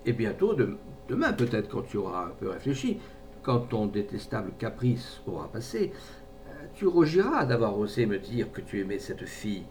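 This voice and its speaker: A man voicing a bitter, jealous, domineering middle-aged mother in an indignant, scornful tirade, recorded from a distant mic with faint rumble. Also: sing-song, normal speed, darkish tone. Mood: cold.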